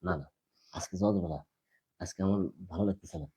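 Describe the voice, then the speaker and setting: Guy doing a pushy sneaky boyfriend, very low husky voice, fast and lively. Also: heavily acted. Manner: pushy, coaxing in hushed tones. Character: sneaky young boyfriend caught visiting at night. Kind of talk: skit acting.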